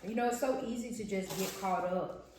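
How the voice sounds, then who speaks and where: A woman's voice: mid-range voice, normal speed, darkish tone. Chatty young pregnant woman, echoey room. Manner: chatty, addresses viewers as y'all. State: pregnant, eating while talking. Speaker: vlog co-host. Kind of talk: casual chat over a meal. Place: restaurant table, indoors. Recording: very echoey room, faint noise.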